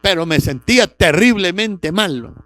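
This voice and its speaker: A man's voice: sits high, animated, a little slow, a bit bright, dry recording. A middle-aged man, preaching a sermon with a personal testimony and rising sharply on key words. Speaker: pastor.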